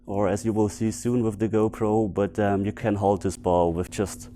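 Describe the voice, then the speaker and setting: A man from Bavaria with a German accent, a native German speaker giving casual, unscripted instructional commentary as a video host, pausing to find his words. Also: lowish voice, little pitch movement, dark tone, a little hiss or hum. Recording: music behind the voice. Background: background music.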